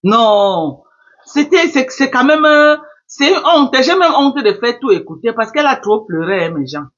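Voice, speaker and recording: A woman's voice: on the high side, very animated, moderate pace. A woman hosting a Facebook live, taunting and scolding in a repetitive, mocking commentary. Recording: muffled lo-fi live stream.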